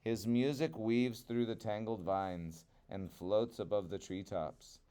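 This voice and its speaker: Slow, clear male storyteller reading a trickster tale. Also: fairly low pitch, steady tone, warm tone. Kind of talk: expressive children's storybook narration.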